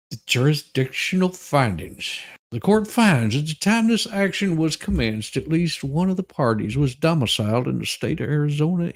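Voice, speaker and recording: A streamer gives a comedic, dramatic reading of a legal document, hamming it up in a theatrical, folksy style and tossing in mocking asides. His voice is gravelly and mid-pitched.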